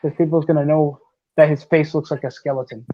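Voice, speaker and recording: A man's voice: fairly high pitch, steady tone, brisk, mellow, dull audio. A man on a wrestling watch-along panel, ranting bluntly in casual chat and swearing freely.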